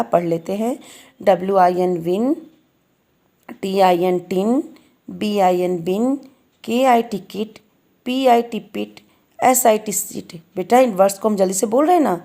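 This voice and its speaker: Indian woman teacher with slightly gravelly voice. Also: medium pitch, darkish tone. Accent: Indian English. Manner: spells words letter by letter, calls children "beta". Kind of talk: classroom phonics lesson.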